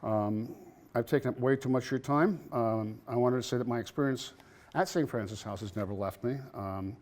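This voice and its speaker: A man in his sixties gives a halting speech at an anniversary gathering, sharing memories with many pauses and soft chuckles. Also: medium pitch. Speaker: alumnus speaking at an anniversary gathering. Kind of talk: personal reminiscence speech. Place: campus ministry house at a celebration.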